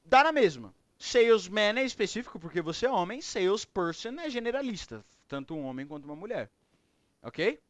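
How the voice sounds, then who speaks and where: A Brazilian man teaches English in a fairly high voice, praising students and patiently explaining pronunciation in two languages. The sound is dry and close, with little room echo. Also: sing-song, brisk. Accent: Brazilian Portuguese. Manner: encouraging, switches between Portuguese and English explanations. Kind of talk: online English class feedback and explanation.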